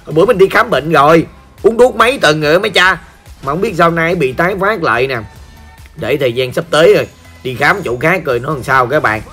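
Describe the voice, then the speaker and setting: High, bright-voiced hoarse Southern Vietnamese man. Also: animated, brisk. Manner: playful, joking, talks straight to viewers. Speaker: gaming channel host. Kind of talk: chatty gameplay commentary. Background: faint background music.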